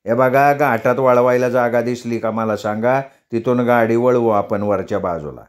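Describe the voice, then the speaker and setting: A male storyteller playing a hot-tempered village taxi driver, blustering and quick to snap. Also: medium pitch, lightly acted. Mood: chatty.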